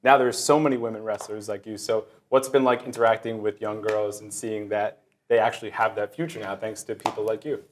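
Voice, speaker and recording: Fast-talking male interviewer, lowish voice. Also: level tone. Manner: affirming, chatty questions. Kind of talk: casual interview.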